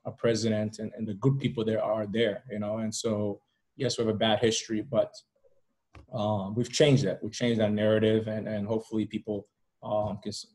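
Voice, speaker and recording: Speaking as a podcast guest in a casual interview, a Rwandan man with a fairly low, darkish voice tells his story haltingly and flatly, repeating words and slipping in "you know." He is on a video call from an indoor room at home.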